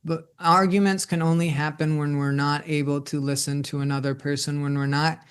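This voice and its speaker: Twenty-something guy rambling thru a personal story, lots of restarts, kinda high smooth voice. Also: flat delivery, moderate pace, a bit bright. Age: 20s. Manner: rambling, many restarts and "like" fillers. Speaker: host. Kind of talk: reflective personal monologue.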